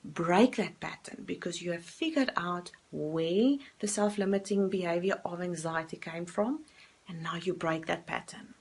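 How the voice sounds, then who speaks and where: A woman with an Afrikaans first language speaks in a lowish, unhurried voice with a breathy edge, and the recording is rough. She's a coach addressing the camera directly in a self-help video, earnest and straightforward, asking herself questions and then answering them.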